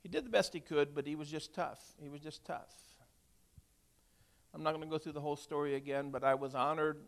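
Gravelly older man preaching a testimony. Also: on the high side, steady tone, brisk. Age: 60s. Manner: heartfelt, storytelling, swings from hushed to loud. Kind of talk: emotional sermon testimony.

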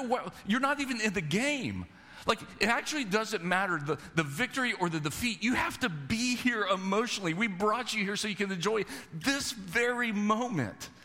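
A middle-aged man preaching a sermon as pastor, telling stories animatedly with quoted voices and slowing down to read scripture. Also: mid-range voice, pushed and bright, long reverb tail.

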